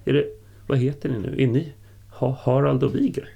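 A man's voice: medium pitch, steady tone, vocal fry, dark tone, breathy edge, muffled recording, voice pushed up. A man voicing a timid, frightened farmhand who stammers and trembles as he talks, in an audiobook. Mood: anxious.

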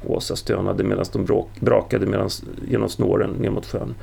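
A man's voice: on the low side, flat delivery, vocal fry, dark tone, slightly rough. A man narrating a Viking tale as an audiobook reader, telling it steadily.

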